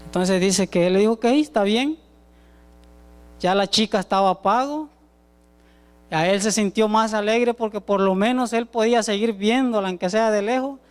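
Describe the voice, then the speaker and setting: A man's voice: sits high, moderate pace, clear, resonant tone, long reverb tail. A young man preaching in church, telling a story and voicing its people's dialogue. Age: young adult. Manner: tells a story with acted quoted dialogue. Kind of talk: sermon storytelling. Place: church sanctuary.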